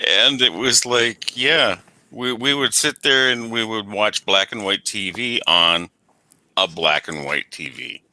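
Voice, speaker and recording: Man, low pitch, sharp forceful tone, lisp, rambling casual co-host, self-correcting. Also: slow pace, dry recording. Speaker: talk show co-host. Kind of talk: casual chat.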